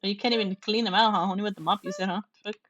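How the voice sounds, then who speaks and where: A woman's voice: mid-range voice, steady tone, very fast, a bit bright, a little hiss or hum. A woman streaming a cooking game with friends, teasing playfully and ending lines with a questioning "huh?". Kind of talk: casual gaming chat.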